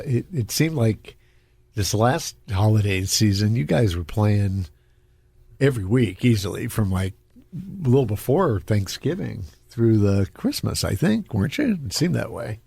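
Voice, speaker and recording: A man's voice: fairly low pitch, big pitch swings, measured pace, creaky, darkish tone, husky, dry recording. A man co-hosting a podcast interview, asking questions in a friendly, chuckling way. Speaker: podcast co-host. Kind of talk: casual interview chat.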